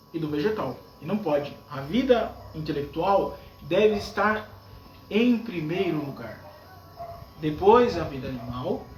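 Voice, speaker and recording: A man with a Brazilian accent, a priest preaching a sermon, explaining his points and often asking his listeners questions. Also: high voice. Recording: echoey, from far off, faint background noise.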